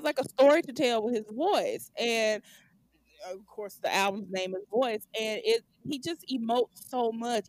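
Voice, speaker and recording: A woman co-hosting a music review podcast, talking in a rambling, enthusiastic way and laughing often. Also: high-pitched. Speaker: podcast co-host. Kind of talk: casual chat.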